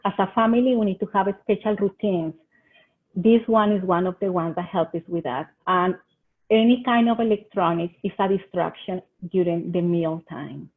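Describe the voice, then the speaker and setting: A Colombian woman with a Colombian Spanish accent, working as an extension agent, presents earnest home-living tips in a webinar, her voice fairly low and her pace moderate. She offers advice in short phrases with some hesitations, and the video call audio sounds tinny and phone-like.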